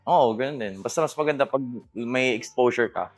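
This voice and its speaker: A man's voice: mid-range voice, moderate pace. A Filipino man speaking casually as a fitness vlogger, coaching exercises and mixing in English gym terms. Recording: music behind the voice.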